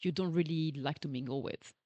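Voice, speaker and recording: A woman's voice: low-pitched, fairly quick, no echo, lo-fi sound. Woman host with a foreign accent. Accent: non-native English. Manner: warm agreeing, many "true" and "yeah" replies. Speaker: podcast host, interviewer. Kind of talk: casual interview questions.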